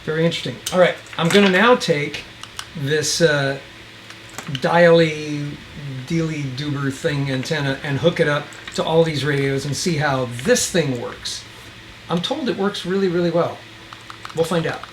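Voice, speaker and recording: A radio reviewer who also hosts videos speaks at normal speed in a fairly high voice, rambling folksily as he tries out gear. The hands-on demo takes place outdoors where it's windy.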